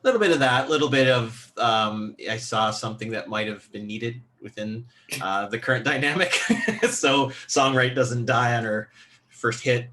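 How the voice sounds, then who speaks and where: A man who plays tabletop games, chatting casually about his play in a polite, hesitant, measured way. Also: mid-range voice, a bit bright, a little hiss or hum. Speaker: tabletop game player. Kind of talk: casual interview-like chat.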